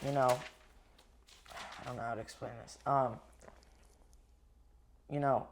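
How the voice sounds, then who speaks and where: A man's voice: medium pitch, fairly even intonation, slow pace. Joking young man, faint noisy background. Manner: joking, laughing interjections. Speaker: podcast co-host. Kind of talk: casual chat.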